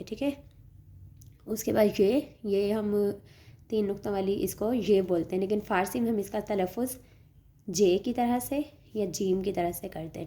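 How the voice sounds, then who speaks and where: Woman, language teacher, patient, mellow tone, slow careful word-by-word delivery. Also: mid-range voice. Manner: patient, slows to spell out each word, often adds "theek hai". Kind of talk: teaching a Persian alphabet lesson.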